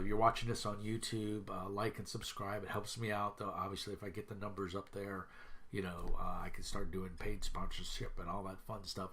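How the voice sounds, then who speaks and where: This Minnesota man in his thirties has a lowish, slightly bright voice and a stuffy head cold. He rambles casually, full of fillers, while reviewing tabletop games for his channel.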